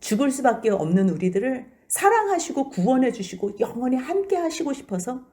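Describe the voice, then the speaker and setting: A woman pastor giving an expository sermon at a Friday church service, retelling the story with lively acted-out dialogue. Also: high-pitched, brisk. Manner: animated storytelling, acting out the characters' lines.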